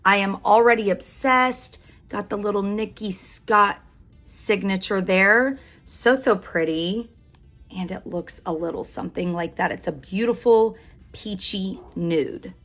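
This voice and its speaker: A woman's voice: mid-range voice, unhurried, a bit bright, faint music behind. An American woman chatting casually as a beauty vlogger, gushing and repeating words for emphasis. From Oklahoma, United States. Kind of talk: casual makeup tutorial chat.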